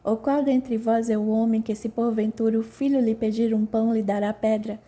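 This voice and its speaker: A serene male spirit mentor preaching gently to a crowd, read by a woman narrating an audiobook. The tone is very dark and mellow, pitched a little high, with a calm, measured sermon cadence. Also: lightly acted.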